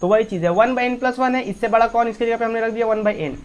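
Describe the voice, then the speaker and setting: A woman's voice: fairly high pitch, fairly quick. Lady teaching a math lesson, keeps asking the class questions, mixes in english math words. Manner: asks students many rhetorical questions; mixes English maths terms into Hindi. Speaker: maths teacher. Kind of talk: explaining a lesson step by step.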